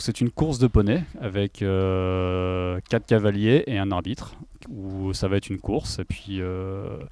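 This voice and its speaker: A man presents himself as a magician in a casual interview. His voice is on the low side, and the sound is dry with no room echo. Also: dark tone. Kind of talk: casual interview self-introduction.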